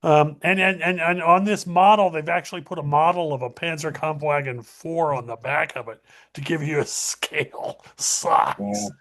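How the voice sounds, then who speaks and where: A man's voice: a little high, normal speed, a bit bright. A man hosting a casual history talk, rambling with many fillers and self-corrections.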